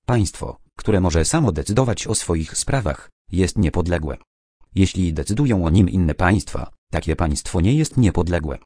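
A man's voice: deep voice, expressive, normal speed, dark tone, slightly rough, no echo, studio quality. A man reading a patient schoolteacher. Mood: explaining. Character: calm female schoolteacher explaining patiently.

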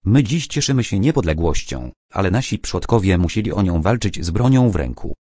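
A man reading out the lines of a calm female schoolteacher who explains things patiently. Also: low voice, brisk, dry recording, clean studio sound. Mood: explaining.

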